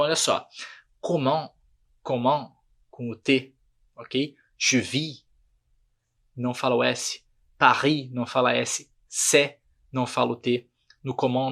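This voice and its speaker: A man's voice: mid-range voice, a bit bright. A Brazilian man with a Brazilian Portuguese accent teaching an online French lesson, patiently repeating words and checking in with his students. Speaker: language teacher.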